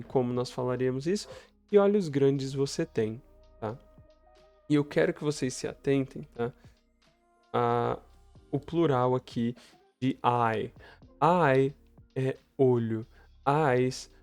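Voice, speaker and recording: A man's voice: mid-range voice, a little mellow, dry recording. A man teaching English, reading story lines aloud and translating them, often checking in with the viewer. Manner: frequent tag questions to the viewer. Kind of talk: explaining a story for learners.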